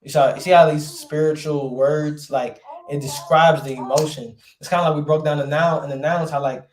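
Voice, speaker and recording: A man teaching a relaxed class, with a voice a little higher than most men's. He talks conversationally and keeps checking in with rhetorical questions. The room gives his voice a noticeable echo. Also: a little fast, slight background noise. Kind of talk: casual classroom lesson. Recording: roomy echo.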